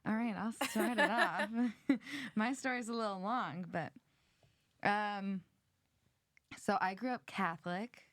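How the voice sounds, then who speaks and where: A woman's voice: medium pitch, slow, long pauses, a bit bright, no room sound. A woman in her twenties hosting a podcast, chatting casually and giggling, with lots of "like" and "um". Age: 20s. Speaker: podcast host. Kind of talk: casual chat.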